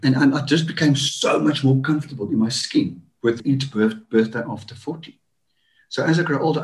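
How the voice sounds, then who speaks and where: Host type: jovial man, fifties, lively swooping pitch, laughs a lot. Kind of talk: casual interview.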